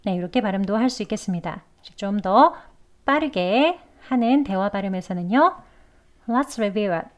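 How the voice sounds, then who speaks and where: A woman teaching English pronunciation in a calm, explanatory way, slowing down to model words. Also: mid-range voice, muffled recording. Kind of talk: pronunciation lesson.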